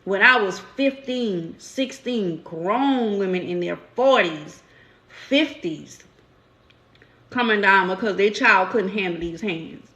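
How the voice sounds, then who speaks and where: A woman with a New Orleans accent hosts a casual live-stream chat. She talks in a candid, storytelling way with everyday slang. Her voice sits at a middle pitch. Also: expressive, slow, bright, forceful tone, roomy sound. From New Orleans, USA. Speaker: channel host.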